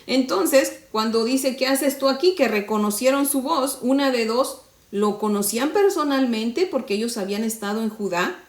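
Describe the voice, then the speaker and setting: A woman's voice: a little high, moderate pace, reverberant. A woman from Mexico, teaching the Bible to women in a conversational devotional style and often checking in with her listeners. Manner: conversational, often asks "¿verdad?".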